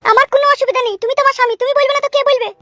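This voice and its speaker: A squeaky young village wife voiced by a woman in a comic cartoon. She fires questions fast and insistently in a very high, bright voice. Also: fairly even intonation, no echo.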